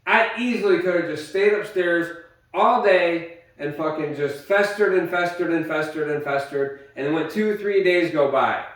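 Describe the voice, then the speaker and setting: Angry, foul-mouthed man arguing at home; fairly high voice, captured from across a very echoey room. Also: normal speed. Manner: angry, swearing, shifts between yelling and low muttering. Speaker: partner in a domestic argument. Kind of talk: heated argument. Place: house, indoors. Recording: echoey room, voice far from the mic.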